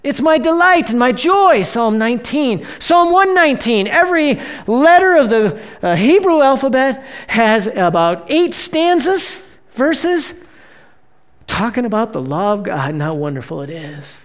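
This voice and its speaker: A preacher delivering a sermon in a conversational way, often checking in with the listeners, and swinging between emphatic bursts and hushed, slowed phrases. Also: medium pitch, very animated. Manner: conversational preaching, frequent "right?" check-ins.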